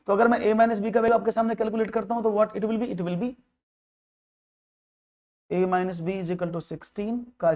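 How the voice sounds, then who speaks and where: Here a man with a high, slightly mellow voice teaches maths online to students preparing for exams. He breaks each problem into steps, slips English into his speech, and repeatedly makes sure the class is with him.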